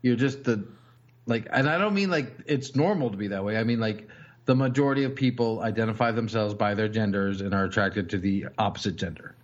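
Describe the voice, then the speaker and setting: A man's voice: lowish voice, fairly quick, muffled recording. A young adult man hosting a podcast in casual chat, rambling and cursing with lots of fillers. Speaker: podcast host.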